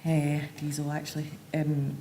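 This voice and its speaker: A Scottish woman speaks in a somewhat low, mellow voice, talking informally to a conference audience. She rambles chattily and drops in self-deprecating asides. The sound is roomy and echoey, with faint ambience in the hall. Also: completely flat delivery, normal speed, a little hiss or hum. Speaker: recovery advocate giving a conference talk.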